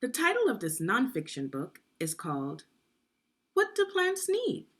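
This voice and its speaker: Slightly high and a little slow, this woman's voice swoops wildly in pitch while she guides kids through a story. She speaks distinctly in an instructive manner and keeps asking her young listeners questions.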